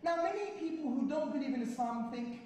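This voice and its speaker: A man speaks to an audience with emphatic, repetitive oratory, driving each point home. His voice sits high, and it comes from well back from the mic. It rings around a very reverberant hall, with a faint hiss of noise underneath. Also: lively intonation, a little fast, a little mellow, distant mic. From Britain. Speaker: Islamic speaker addressing an audience. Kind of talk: impassioned public lecture.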